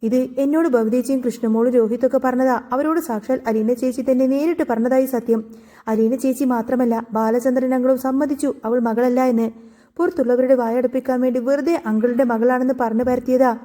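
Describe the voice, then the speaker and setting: A woman's voice: high-pitched, fairly even intonation, brisk, dark tone, close to an everyday voice. A woman narrator voicing a firm, emphatic young woman who insists on a secret in a storybook retelling. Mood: insistent.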